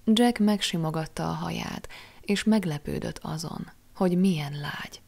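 Female audiobook reader; low, gravelly tone, measured expressive delivery. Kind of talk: audiobook narration.

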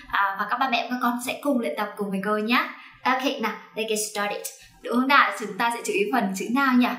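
A woman's voice: fairly high pitch, pushed and bright, reverberant. A woman teaching English pronunciation to parents and children, coaxing and checking along as she goes. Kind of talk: online phonics lesson for parents and children.

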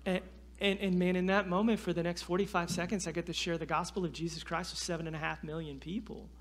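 A man from North Carolina, preaching as a guest speaker and telling a personal story in a lively, self-deprecating way. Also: high voice, fast. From North Carolina, USA. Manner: animated, self-deprecating, frequent restarts and fillers. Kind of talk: sermon storytelling. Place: church sanctuary.

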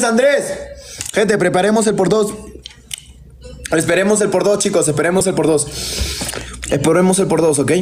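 A man's voice: on the high side, a little mellow, a little hiss or hum. A man hosting a live stream, hyping his viewers and thanking supporters by name. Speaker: livestream host. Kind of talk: TikTok live stream chat.

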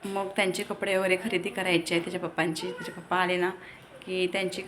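A young mother of two from Maharashtra chats casually with her vlog viewers at home, which has a gallery, scolding her kids in between. Her lowish voice is level and fairly quick, with background noise.

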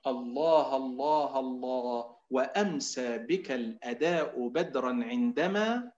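A man teaching Quran recitation in an online lecture. He explains as he goes, gives drawn-out demonstration readings and fills his pauses with a filler word. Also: medium pitch, a little mellow, muffled recording. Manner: often fills pauses with Egyptian "إيه".

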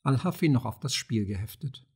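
A man narrating an audiobook of a play, reading the stage directions in a steady, measured way. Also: mid-range voice, breathy edge.

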